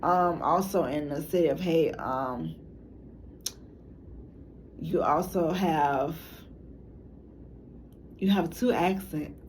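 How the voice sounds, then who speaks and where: A woman's voice: deep voice, slow pace, long pauses, slight background noise. A woman from Chicago with a Chicago accent, talking loosely and casually to camera for her own documentary, often restarting her sentences. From Chicago, United States. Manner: loose, meandering storytelling with frequent restarts. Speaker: documentary maker and narrator.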